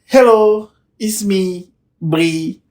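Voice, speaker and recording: A man putting on a teasing voice of his bubbly, know-it-all wife, with a sing-song, drawn-out delivery during casual podcast banter. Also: high voice, darkish tone, voice pushed up.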